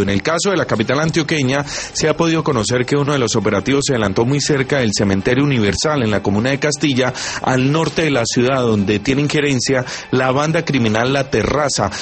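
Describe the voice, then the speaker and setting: Mid-pitched male news reporter.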